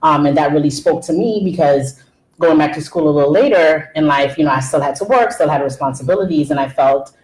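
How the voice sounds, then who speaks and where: A chatty woman from Queens tells her story on a student panel in an animated way. Her voice is very low for a woman, and the room gives it a noticeable echo. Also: a little fast. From Queens, New York. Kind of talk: answering panel questions. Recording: echoey room.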